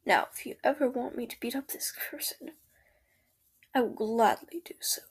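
A woman voicing a doting, protective girlfriend who comforts her sad partner in a soft whisper, in an ASMR roleplay. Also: a little high, normal speed, breathy edge. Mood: affectionate.

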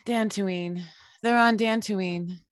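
A woman voicing a young princess under interrogation in a playful podcast scene reading, pleading slowly. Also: mid-range voice, fairly even intonation, no echo, clean studio sound, close to an everyday voice.

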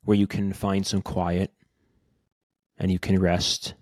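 A podcast host with a deep, low voice leads a meditation, speaking gently and slowly in a level tone with little rise and fall. He leaves long pauses between short phrases, and the close, dry recording has no room sound.

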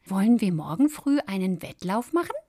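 A woman voicing a content, unhurried little snail in a bedtime story, speaking gently and slowly. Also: medium pitch, sing-song. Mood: calm. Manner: gentle, easygoing.

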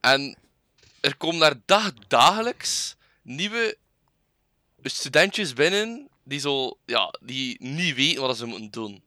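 A man's voice: mid-range voice, lively intonation, sharp tone, no echo, clean studio sound. A young man, talking hesitantly in a casual podcast chat. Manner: hesitant, halting.

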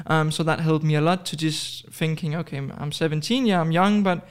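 A slightly high, smooth voice at a moderate pace belongs to a Danish man in his twenties. He's a podcast guest in a relaxed interview chat, speaking hesitantly with many fillers and restarts.

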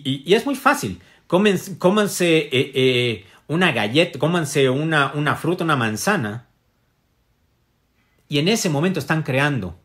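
A man's voice: mid-range voice, fairly bright tone. A man giving a casual spiritual wellness talk to an audience. He speaks reflectively, with many fillers and tag questions. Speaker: motivational speaker.

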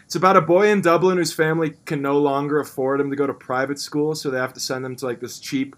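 A man's voice: on the high side, fairly even intonation, fast. A young man co-hosting a podcast, casually steering the segments with teasing jokes. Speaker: podcast co-host. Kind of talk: casual chat.

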